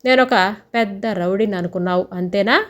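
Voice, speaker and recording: Lady reading a sweet teasing young groom, soft and fond, storybook style. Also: medium pitch, normal speed, lightly acted. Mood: explaining. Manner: soft, affectionate. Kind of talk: storybook dialogue.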